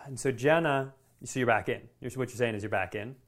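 On a comedy podcast he co-hosts, a man tells anecdotes casually, with animated, self-deprecating storytelling and some profanity. His voice is medium-pitched and his speed normal.

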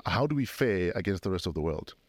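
A man's voice: sits low, expressive, fast talker, no room sound. A middle-aged man hosting a podcast, asking questions with a joking, probing manner. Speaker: podcast host. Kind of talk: casual chat.

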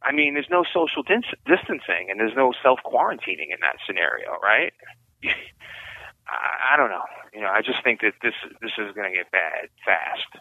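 A man's voice: fairly low pitch, huge pitch swings, moderate pace, vocal fry, dry recording. A man calling in on a prison payphone, giving a casual spoken update in a rambling way, full of "you know" and "like". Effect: payphone call from prison. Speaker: incarcerated writer calling in. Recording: tinny dry phone line.

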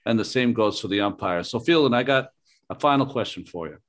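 A man's voice: medium pitch, lively intonation, brisk. Casual male podcast co-host. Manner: conversational, asks long multi-part questions. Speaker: podcast co-host, former player. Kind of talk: casual interview chat.

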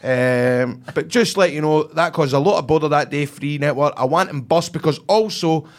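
Broad Scottish man, higher-pitched voice. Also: normal speed. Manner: colloquial, sweary storytelling with acted-out dialogue. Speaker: podcast host. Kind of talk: ranting comic anecdote, casual chat.

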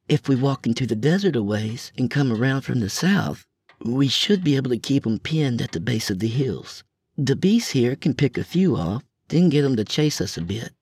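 A man's voice: mid-range voice, a little mellow, no echo, pitched above the performer's own voice. A man voicing a wry, cool young woman. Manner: dry, teasing, matter-of-fact.

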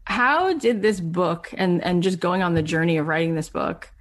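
A woman with a somewhat low voice talks as a podcast interviewer. Her style is casual and conversational, speaking directly with a guest and listeners. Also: moderate pace.

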